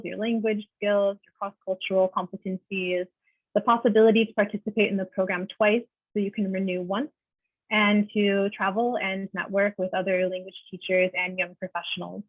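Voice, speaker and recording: A woman giving a friendly, informative panel presentation on a video call, often pausing with "uh". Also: medium pitch, no room sound. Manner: friendly, informative, uses many "uh" fillers. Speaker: panelist presenting a teaching program. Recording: dry, phone-like video call audio.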